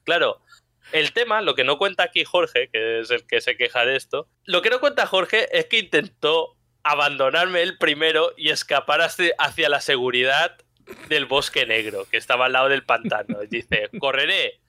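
Bright, animated Spanish man telling stories. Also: a little high, moderate pace, no room sound, studio quality. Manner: animated storytelling, frequent laughter. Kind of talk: casual chat.

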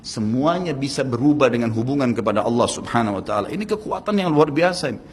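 An earnest Indonesian-accented man preaching a sermon to his listeners. His voice sits at a middle pitch and rises and falls sharply when he stresses a point. A faint hum of ambience runs beneath the recording. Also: expressive, fast talker, long reverb tail. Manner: earnest, addresses audience directly, swings pitch for emphasis. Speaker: Islamic preacher.

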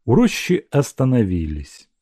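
Male narrator, lively reading, dry close sound. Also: medium pitch, measured pace, breathy edge, no room sound. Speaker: audiobook reader. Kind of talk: scripted narration of a classic novel.

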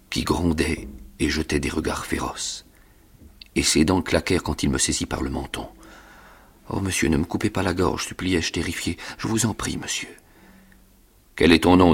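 A man giving a measured, expressive reading of a classic novel in the first person. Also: extremely low pitch, creaky, slightly rough. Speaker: reader. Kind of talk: dramatic literary reading.

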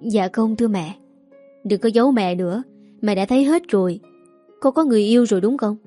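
A woman's voice: medium pitch, a little fast, warm tone, soft background music, natural voice. A woman doing a firm, coaxing village mother. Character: worried middle-aged countrywoman mother, protective.

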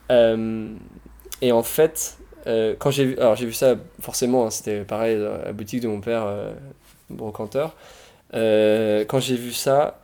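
A man's voice: medium pitch, warm tone. A man casually talking about his book collection, hesitant, with many fillers and restarts. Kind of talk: casual chat about books.

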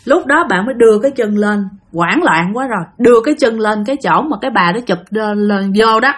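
Woman storyteller, ghost story, fairly high voice, very animated delivery. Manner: dramatic, addresses listeners directly.

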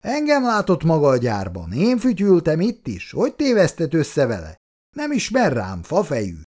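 A man's voice: a little high, huge pitch swings, vocal fry, darkish tone, voice pushed up, heavily acted. A man voicing a proud young man who speaks wryly and mockingly. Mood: defiant. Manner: wry, mocking.

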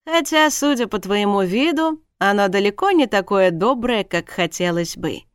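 A woman reading a fantasy audiobook voices a sly, commanding young man, a snake shapeshifter who growls and mocks his wife in slow, drawn-out lines. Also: medium pitch, lively intonation, clean tone, no room sound, studio quality, close to an everyday voice. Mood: mocking. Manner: mocking, growling, drawn-out delivery. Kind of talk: audiobook character voice.

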